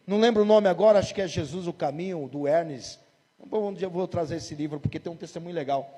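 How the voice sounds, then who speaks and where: High-voiced Brazilian pastor preaching. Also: male voice, warm tone, long reverb tail. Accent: Brazilian Portuguese. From Brazil, São Paulo state. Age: 40s. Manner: emphatic preaching with rhetorical questions to the congregation. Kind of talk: sermon.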